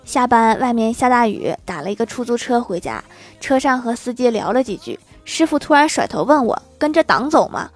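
She has a somewhat high, bright-pitched voice and reels off funny little stories one after another. Her tone stays playful, with wry asides to her listeners. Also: expressive, a little fast, soft background music. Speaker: comedic storyteller. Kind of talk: reading out funny anecdotes.

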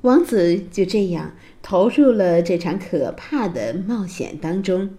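A woman narrating a children's fairy tale in a slow, expressive storytelling voice. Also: on the low side.

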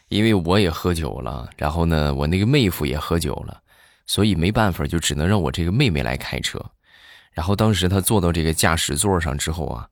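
This low-voiced comedian, an adult married man, is captured in a dry, clean studio recording. His chatty monologue of comic daily anecdotes features long, stretched filler particles and acted-out lines from the people in his stories.

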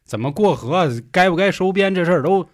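A man's voice: high-pitched, animated, fairly quick. A man retelling an old tale in casual chat, crude and joking.

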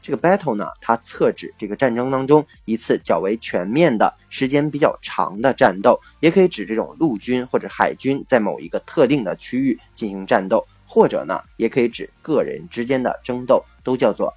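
A man explaining English vocabulary in a lesson, spelling words out letter by letter and often adding a drawn-out "啊" to his phrases. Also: medium pitch, lively intonation, a little mellow, husky, dry recording, faint music behind.

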